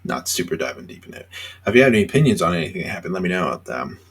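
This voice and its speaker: A tired man hosting a casual solo reaction show, rambling with lots of fillers and pauses between thoughts. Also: low-pitched, very animated, slightly rough. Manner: rambling, hesitant, many fillers. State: tired, yawning. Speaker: reality TV reaction host.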